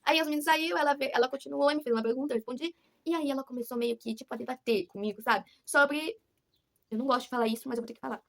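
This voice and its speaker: A woman's voice: high-pitched, racing, creaky, a bit bright. A woman with a Brazilian Portuguese accent, telling a personal story in a rambling, earnest vlog with many restarts. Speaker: vlogger. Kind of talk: casual confessional vlog.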